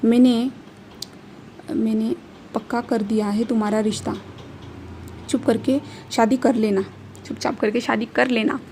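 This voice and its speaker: A woman's voice: a little high, flat delivery, a little slow, pauses often, mellow, slight background noise. A woman reading the part of a scheming, domineering father who scolds his son, in a fan story. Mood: scolding. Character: scheming domineering older father, a clan leader.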